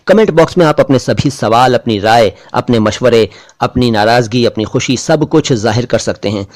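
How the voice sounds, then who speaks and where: A man hosting a pronunciation lesson, talking straight to his viewers and repeating each word slowly for drill. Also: mid-range voice. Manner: slow, deliberate repetition of words for drill; warm, direct address to viewers as friends. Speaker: language teacher and channel host.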